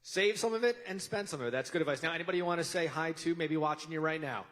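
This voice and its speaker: A man's voice: on the high side, quick pace, a bit bright. A man co-hosting a live event, interviewing winners on stage in an upbeat style.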